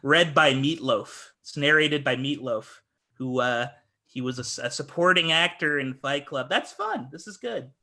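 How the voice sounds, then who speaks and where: A man co-hosting an improvised comedy scene over a home video call, halting and melodramatic. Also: fairly high pitch, pushed and bright. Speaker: improv co-host.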